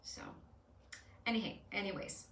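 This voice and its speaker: A woman's voice: normal speed, fairly bright tone, slight background noise. Chatty woman in an echoey room. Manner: chatty, explanatory, with frequent fillers and restarts. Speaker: host doing card readings with an AI. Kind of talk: casual spoken reading. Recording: echoey room, somewhat far from mic.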